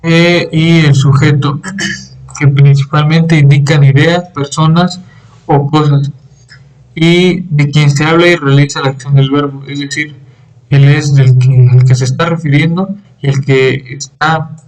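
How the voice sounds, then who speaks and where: Halting young man presenting grammar. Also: on the high side, flat delivery, darkish tone, poor audio. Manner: halting, with fillers and throat clearing. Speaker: student presenter. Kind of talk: reading a class presentation.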